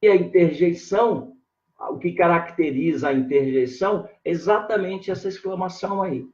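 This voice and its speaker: A man's voice: high-pitched, moderate pace, a little mellow. A man teaching grammar in a live online lesson, drawing out key words, repeating "ó" as he points things out, and greeting viewers by name. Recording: echoey room, dull lo-fi sound.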